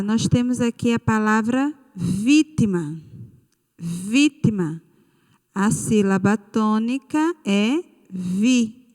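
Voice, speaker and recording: A woman's voice: medium pitch, a little mellow, big-room sound. A Brazilian woman teacher giving a recorded lesson to children, patiently drawing out key words. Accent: Brazilian Portuguese. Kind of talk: recorded online class for children.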